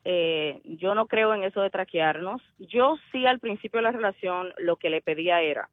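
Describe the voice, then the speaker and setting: A woman's voice: lowish voice, moderate pace, dry recording, narrow, tinny audio. A woman from the Dominican Republic and Puerto Rico calling in to a radio show, telling a story and acting out the dialogue. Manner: lively storytelling, acts out quoted dialogue. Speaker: caller. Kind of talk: phone-in chat on a radio show.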